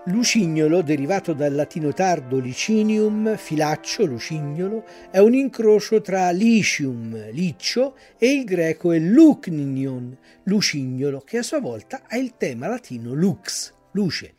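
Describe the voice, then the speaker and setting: An expressive storyteller reading a children's classic aloud, sometimes pausing for a short explanatory aside. The delivery rises and falls a lot to keep the tale lively. Soft music sits faintly behind the voice. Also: medium pitch. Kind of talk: storybook read-aloud with commentary.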